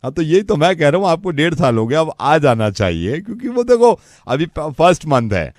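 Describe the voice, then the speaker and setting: A man hosting a radio prank call, posing as a doctor and talking to the caller in a calm, patronizing way. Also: a little high, brisk, dry recording, clean studio sound. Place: radio studio.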